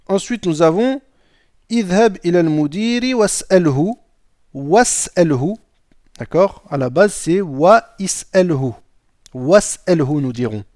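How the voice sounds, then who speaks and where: A man with a high voice gives a grammar lesson, reading example phrases aloud and repeating each one patiently. He talks unhurriedly and keeps checking that his students follow. The sound is close and dry. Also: a little mellow, no room sound. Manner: repeats Arabic examples slowly and checks understanding with "d'accord?". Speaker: Arabic teacher. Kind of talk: grammar lesson explaining Arabic pronunciation in French.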